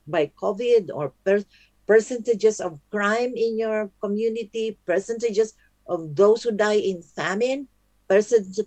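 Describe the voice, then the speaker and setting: An older woman giving a webinar lecture with slow, deliberate phrasing and frequent pauses, her voice worn and hoarse. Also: mid-range voice, mellow, dry recording. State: losing her voice, coughing. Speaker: webinar speaker on curriculum. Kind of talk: online lecture and Q&A. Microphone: video call.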